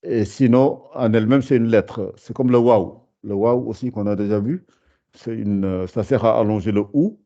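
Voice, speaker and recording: A man teaching a beginner lesson over a video call, patient, hesitant and full of fillers, drawing out syllables slowly. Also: on the low side, mellow, lo-fi sound. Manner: hesitant, many fillers and restarts. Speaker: Arabic teacher.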